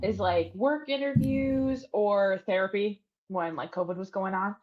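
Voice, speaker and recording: A woman co-hosting a podcast in casual chat over a remote call, reacting with quick interjections. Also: mid-range voice, lo-fi sound, faint music behind. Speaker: podcast co-host.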